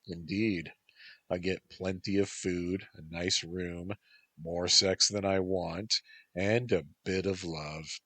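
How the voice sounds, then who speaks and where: A man's voice: low voice, steady tone, slow pace, a bit bright, no echo, full character voice. A man voicing a weary, wry young man who grumbles about how he is treated, read as a storybook. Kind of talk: storybook narration.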